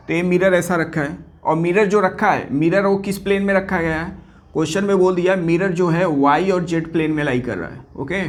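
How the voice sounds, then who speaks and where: A man teaching physics to exam candidates, his voice sitting a little high. He keeps throwing questions at the class and answering them himself, repeating key terms and slipping English words into his Hindi. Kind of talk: exam-prep lecture.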